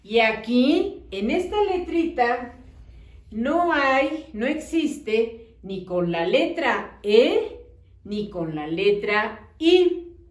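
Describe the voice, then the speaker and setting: A woman teaching a children's phonics lesson, sounding out letters in a slow, encouraging, sing-song way. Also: sits high. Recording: echoey room.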